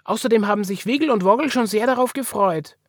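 A man voicing a brave, cheerful little girl in a children's story, with a high, eager childlike voice and an Austrian accent. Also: fast talker, no room sound, clean studio sound.

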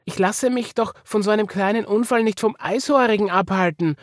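A man voicing a brave, cheerful little girl in a children's story, with a high, eager childlike voice and an Austrian accent. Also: brisk, no echo, clean studio sound, lightly acted.

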